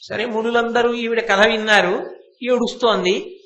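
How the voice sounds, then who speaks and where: High bright-voiced man preaching. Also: fairly even intonation, reverberant, lo-fi sound. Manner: vivid retelling that acts out the characters' speech; chants verses slowly. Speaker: religious discourse speaker. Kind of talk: devotional storytelling sermon.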